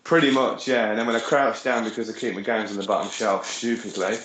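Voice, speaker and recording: A man's voice: on the low side, fairly even intonation, fast talker, a bit bright. A man with a Birmingham accent, co-hosting a podcast in rambling, sweary casual chat. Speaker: podcast co-host. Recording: echoey room with faint noise.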